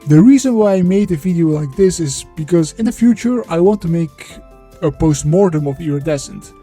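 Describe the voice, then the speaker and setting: A man whose voice is disguised by a voice changer, sitting a little high and sounding mellow and soft-edged. He narrates his game-development video bluntly and with some swearing, drifting into halting, filler-heavy talk whenever he leaves the script. Faint music plays under him. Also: expressive, husky. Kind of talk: devlog voiceover.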